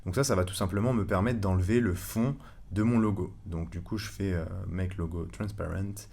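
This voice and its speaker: A man giving a casual screen-recorded tutorial, chatty and relaxed, with many fillers and self-corrections. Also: sits low, normal speed. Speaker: online course instructor.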